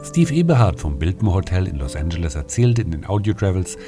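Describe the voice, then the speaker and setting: Man, very deep voice, radio feature narrator, measured reading, music underneath. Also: sing-song. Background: music bed.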